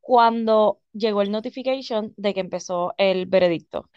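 A woman's voice: mid-range voice, moderate pace, smooth, no room sound, highs cut off. A woman, co-hosting a gossip chat, telling stories animatedly with English words mixed in. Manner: animated storyteller, exclaims and mixes English. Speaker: podcast co-host.

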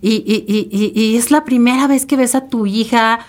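A woman's voice: fairly high pitch, normal speed. A woman, a podcast guest telling a personal story in an emotional, rambling way with many fillers and tag questions. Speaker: interview guest.

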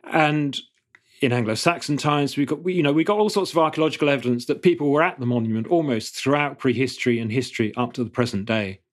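Middle-aged man, archaeologist guest, explaining thoughtfully with restarts, mid pitch. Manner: thoughtful, halting restarts then fluent explanation. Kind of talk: explanatory interview answers.

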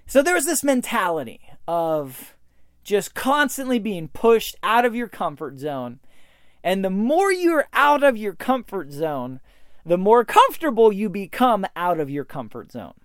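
Man, podcast host, rambling storyteller, animated quoting, dry recording. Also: sits high, a little slow, dry recording. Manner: rambling, many fillers and restarts; animated when quoting others.

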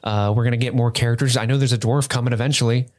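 A man's voice: mid-range voice, fairly even intonation, racing, darkish tone, dry recording, studio quality. A man co-hosting a casual podcast, playful and sing-songy, stumbling and joking as he reads out supporter names. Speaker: podcast co-host. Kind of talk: casual podcast chat and patron shoutouts.

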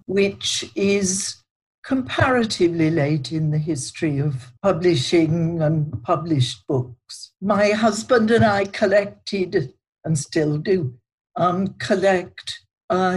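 An older woman speaks as a podcast guest. She answers at a slow, measured pace, with a slightly husky tone, and she sounds reflective. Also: fairly low pitch, a little mellow. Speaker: guest, culinary historian. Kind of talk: podcast interview.

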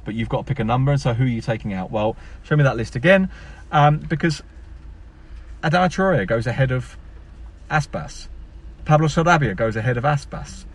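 A man co-hosting a casual, opinionated football podcast outdoors in a car park, emphatic and thinking aloud. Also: medium pitch. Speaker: sports journalist and podcast co-host. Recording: outdoor car park with audible ambient noise.

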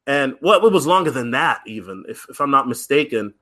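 A man's voice: medium pitch, brisk. A man telling a personal story in a casual podcast monologue, chatty, with many fillers and restarts and frequent "right?". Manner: lively, acts out other people's lines. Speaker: podcast host.

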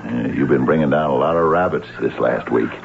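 An actor playing a sinister man who hypnotizes a young woman, talking slowly and coaxingly with many hesitations, in an old radio drama. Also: extremely low pitch, vocal fry, phone-quality sound, heavily acted. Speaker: villain. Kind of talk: 1940s radio acting. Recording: scratchy old radio recording with music.

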